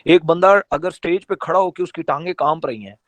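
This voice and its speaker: Speaking to his team in a motivational training talk, a network marketing trainer uses a conversational, emphatic teaching style packed with rhetorical questions. His voice sits on the high side, with no echo.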